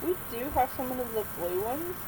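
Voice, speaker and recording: A woman's voice: high voice, very animated, fairly quick. Chatty woman reviewing a game, noisy recording. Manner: chatty and easygoing, laughs often. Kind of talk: casual chat. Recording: noisy background hiss.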